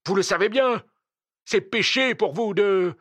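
Man doing old wild-eyed ex-soldier, shouting, high strained voice, dry close sound. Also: unhurried, no room sound. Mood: desperate shouting. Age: older. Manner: shouting in desperate protest.

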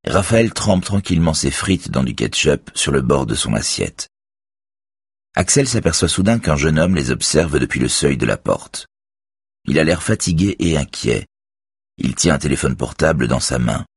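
Very deep, husky male narrator. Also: very animated, normal speed, no echo, studio quality. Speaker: audiobook narrator. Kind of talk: scripted narration.

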